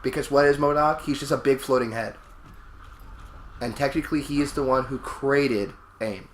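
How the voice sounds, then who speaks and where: A man's voice: medium pitch, normal speed. A man chatting casually and emphatically over video game play as co-host, opinionated, often repeating and rephrasing his points. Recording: roomy echo, faint background noise.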